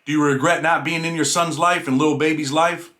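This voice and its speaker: A man's voice: on the high side, steady tone, brisk, a crowd in the background. A man interviewing someone by phone, asking direct questions in an informal way. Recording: noisy recording with clicks.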